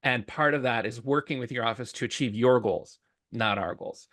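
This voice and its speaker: Confident male salesman pitch, mid-pitched, dry close sound. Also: moderate pace, fairly bright tone, no echo. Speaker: sponsor representative, marketing. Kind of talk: short pitch speech.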